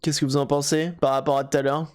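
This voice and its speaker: Easygoing French streamer chatting. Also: male voice, on the high side. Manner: relaxed, repeats his own phrases, halting when speaking English. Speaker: streamer restoring retro game hardware. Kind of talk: casual live-stream chat, answering viewers.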